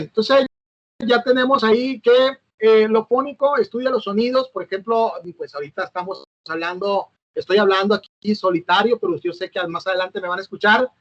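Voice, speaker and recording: A man with a high voice talks through a lesson he is recording alone. He hesitates, fills gaps and corrects himself, checking in with "¿no?". The sound is dull and lo-fi, in a dry, close space. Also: dry recording. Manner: hesitant, fillers and self-corrections, asks "¿no?". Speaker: teacher. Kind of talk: recorded online lecture.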